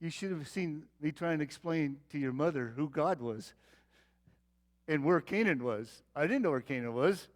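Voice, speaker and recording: A man's voice: on the high side, normal speed, lightly acted. A man acting as the aging patriarch Abraham, speaking in a theatrical monologue to his young son. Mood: earnest storytelling. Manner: theatrical monologue, calling out, then tender and confiding. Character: aging male patriarch Abraham, weary and devoted father. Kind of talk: dramatic Bible-character monologue.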